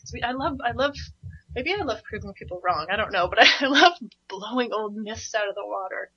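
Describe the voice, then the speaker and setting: Woman radio host, bright forceful voice, passionate, emphatic, laughs often, dull lo-fi recording. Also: mid-range voice, animated, fairly quick. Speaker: radio show host and parenting coach. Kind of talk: monologue on a radio show.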